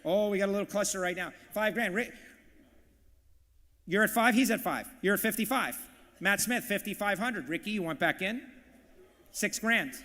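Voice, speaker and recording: A man working as auctioneer and emcee at a live charity event, calling bids in a rapid, punchy, hyped way. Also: sits high, pushed and bright, in a large hall. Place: large banquet hall, live audience.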